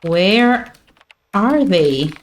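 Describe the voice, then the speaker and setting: A woman's voice: mid-range voice, lively intonation, very slow, a little hiss or hum. A woman streamer giving playful, mock-dramatic commentary as she plays a game and argues with a character on screen. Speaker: gaming streamer. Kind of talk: let's play commentary.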